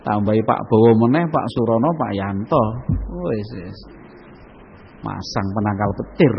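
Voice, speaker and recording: A man's voice: fairly low pitch, unhurried, gravelly, a little hiss or hum. A man giving a casual religious talk, chatty and often asking listeners to agree. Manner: chatty, asks the audience for agreement, slips into Javanese. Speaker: Islamic preacher. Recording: dull lo-fi sound with long hall reverb.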